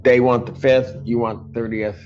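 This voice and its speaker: A man's voice: medium pitch, level tone, moderate pace, a little mellow. A middle-aged man speaking plainly and informally as a judge in a courtroom hearing. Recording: muffled courtroom audio, music underneath. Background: guitar music.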